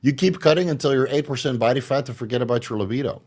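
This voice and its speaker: A man's voice: mid-range voice, fast, a little mellow. A man hosting a casual livestream, reading out viewer questions and explaining his answers at length with frequent fillers. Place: at home.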